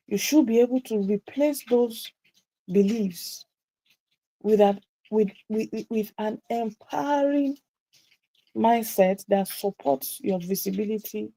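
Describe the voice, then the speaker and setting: With a gravelly yet mellow mid-range voice, a woman coaches a group on visibility in a motivational teaching session. She speaks emphatically, repeating key phrases for stress; the audio is poor but has no echo.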